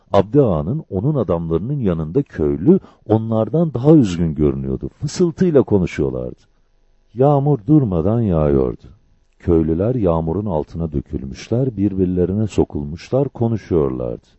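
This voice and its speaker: A man narrates a novel with measured, expressive storytelling and a lively, rising and falling delivery. His voice is mellow and breathy. The recording is dull and dry, as on an old audiobook. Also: deep voice, dry recording.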